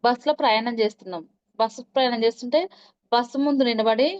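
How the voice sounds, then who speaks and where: A woman's voice: on the high side, fairly even intonation, fast, darkish tone, clear, resonant tone. A woman recounting her personal spiritual experiences to an interviewer, telling the story with many restarts and acting out the dialogue. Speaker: meditation practitioner interviewed. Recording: dull lo-fi recording.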